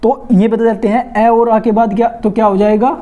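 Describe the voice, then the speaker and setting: A woman teaching a grammar lesson for exam students, asking questions and answering them herself, slowly drawing out and repeating sounds. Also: a little high, fairly even intonation, warm tone, dull audio. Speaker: Hindi teacher.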